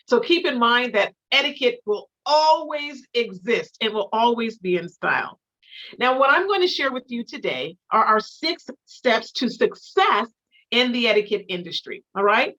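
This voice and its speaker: A woman giving an instructional lecture as an etiquette teacher, measured and emphatic, repeating her key phrases. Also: on the high side, pushed and bright, low-quality recording.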